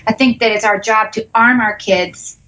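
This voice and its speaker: Middle-aged woman, fairly high voice, chatty, faint background noise. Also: fairly even intonation, normal speed, fairly bright tone, highs cut off. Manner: chatty, filler-heavy. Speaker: interview guest. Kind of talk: casual interview chat.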